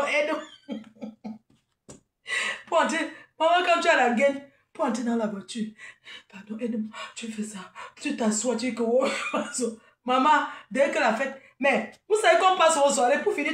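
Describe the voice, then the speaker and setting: A woman with a high voice holds forth in an unscripted live video, scolding her critics and then turning chatty and full of laughter. She sits back from the mic, and the room around her rings. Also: a little slow, a bit bright, roomy sound, distant mic. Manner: chatty and laughing, calls listeners "maman". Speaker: event planner and vendor.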